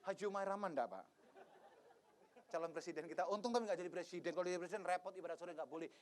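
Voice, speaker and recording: A man in his fifties from Indonesia, a pastor telling stories in a sermon, swinging from hushed asides to loud exclamations and acting out the dialogue. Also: high voice, racing. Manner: acts out dialogue in different voices. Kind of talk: sermon with personal testimony.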